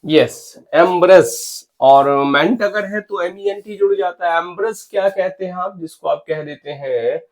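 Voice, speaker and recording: A man's voice: high voice, unhurried, hardly any pauses. A man teaching English spelling for exams, spelling words letter by letter and urging viewers to comment. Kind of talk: exam-prep spelling lecture.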